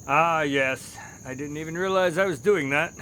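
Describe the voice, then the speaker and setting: An actor playing an earnest, loyal doctor and detective's sidekick in an audio drama, speaking in a polite, formal, expressive way. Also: male voice, on the high side, normal speed, a little hiss or hum. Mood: relieved, curious.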